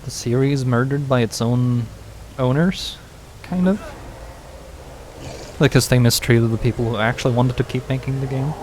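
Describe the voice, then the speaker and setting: A man chats through a game stream in a loose, rambling way, dropping "like" into almost every thought. His pitch sits in an ordinary middle range, and there is a faint ambient hum behind him. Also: normal speed, pauses often, darkish tone. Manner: rambling and joking, heavy use of "like". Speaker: gaming streamer. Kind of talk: casual let's-play commentary.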